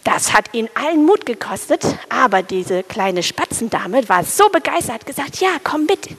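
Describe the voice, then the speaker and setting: A woman tells a children's story, turning often to her young listeners with questions. Her voice is high with a gravelly, creaky texture, friendly and unhurried in the way of a storyteller. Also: sing-song.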